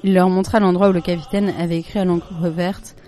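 A storyteller calmly reads a children's story aloud as an audiobook. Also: mid-range voice, fairly quick. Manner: calm, even storytelling.

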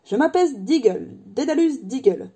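A woman voicing an excitable little man in a top hat who exclaims eagerly, with a husky, dark voice. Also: high-pitched, moderate pace, voice pushed up, exaggerated voice. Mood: excited.

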